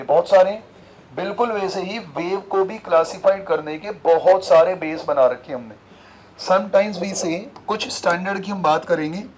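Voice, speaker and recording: In a classroom lecture, a man with a high-pitched voice teaches physics, repeatedly quizzing his students and repeating key terms. The audio is poor, with a slight hiss or hum.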